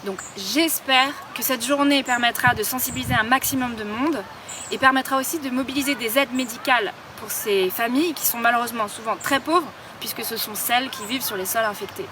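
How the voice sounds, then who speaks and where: A woman from France speaks steadily and earnestly in a recorded statement of support. Her voice sits fairly high. She is recorded outdoors from a little distance, with clear street and traffic noise around her. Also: brisk. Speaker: artist giving a support message.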